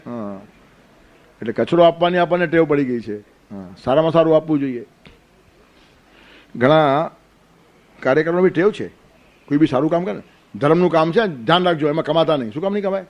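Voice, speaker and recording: Male spiritual teacher, lecturing firmly and scolding, with a slightly high pitch. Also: moderate pace, long pauses. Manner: forceful, scolding, rhetorical questions. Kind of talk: Gita discourse.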